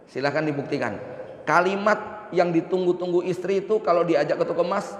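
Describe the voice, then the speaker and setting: A man delivers a lighthearted sermon in a mosque, playfully voicing quarrels between a husband and wife. His voice sits a little high for a man. A long, roomy echo from the mosque hall surrounds every word. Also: fairly quick, a little hiss or hum. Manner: humorous, acts out husband and wife exchanges. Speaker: preacher. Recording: echoey reverberant mosque hall.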